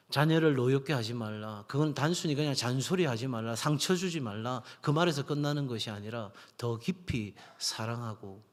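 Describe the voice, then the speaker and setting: A middle-aged man, the senior pastor, preaching a sermon in a church and telling stories, sometimes acting out the voices in them. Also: mid-range voice. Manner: storytelling, acts out voices in anecdotes. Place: church sanctuary. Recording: long hall reverb.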